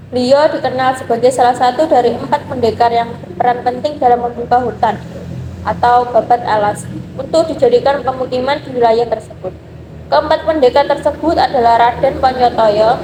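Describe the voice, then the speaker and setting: A woman's voice: fairly high pitch, a little mellow, roomy sound, a little hiss or hum, poor audio. A woman narrates a vlog. Her delivery is scripted, set out in full, formal sentences.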